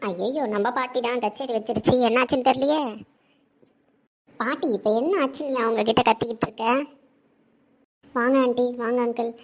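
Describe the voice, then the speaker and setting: A woman playing a kind young granddaughter who talks in a brisk, reassuring way. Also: on the high side. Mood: apologetic.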